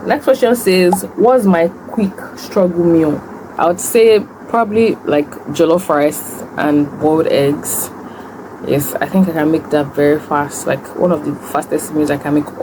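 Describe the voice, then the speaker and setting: A young woman with a Nigerian accent and a low-pitched voice talks as she eats. She tells stories and answers questions in a casual mukbang style. A clear background noise, like an air-conditioning hum, runs under her voice. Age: young adult. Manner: talks while eating. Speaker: food vlogger and host.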